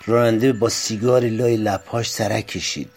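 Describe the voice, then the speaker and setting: A man, the author, calmly reading his own short story aloud in a measured way. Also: fairly low pitch, soft background music.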